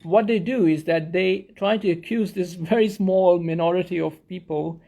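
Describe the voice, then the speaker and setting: A man's voice: sits high, steady tone, moderate pace, gravelly, dark tone. A man from Pakistan explaining a theory in a thoughtful talk, often restarting and repeating words as he searches for phrasing. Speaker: video essayist.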